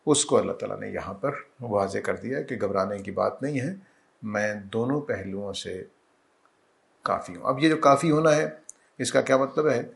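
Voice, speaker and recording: A man giving a calm, explanatory Quran commentary lecture, slowing down to recite Arabic verses. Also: lowish voice, creaky. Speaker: religious teacher.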